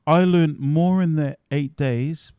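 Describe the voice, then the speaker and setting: A middle-aged man telling his story as a podcast guest, unhurried and reflective, often trailing off softly and restarting. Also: on the high side, steady tone, clean tone, dry recording, clean studio sound. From New Zealand. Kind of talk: relaxed storytelling. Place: indoors at a company's headquarters.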